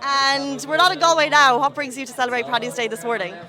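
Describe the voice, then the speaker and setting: A woman presenting an event promo and vox-pop interviews in an excited, gushing way. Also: high-pitched, fast talker, over music.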